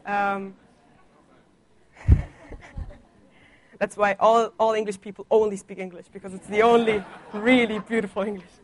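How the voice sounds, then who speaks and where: A young woman with a medium-pitched voice, from Germany and a native speaker of Italian and German, gives a church testimony. She's there as a visiting guest speaker on placement, talking casually with teasing humor and a slight cough.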